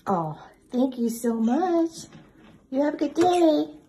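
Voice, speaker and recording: A woman who owns a pet, talking gently to it in simple requests. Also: sits high, animated, slow pace. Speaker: pet owner. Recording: very noisy amateur home video.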